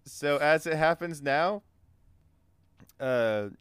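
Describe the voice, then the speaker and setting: Male game master: informal, amused, halting improviser with a clean voice and dry recording. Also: on the high side, fairly bright tone, clear, resonant tone, dry recording. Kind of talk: improvised tabletop game narration.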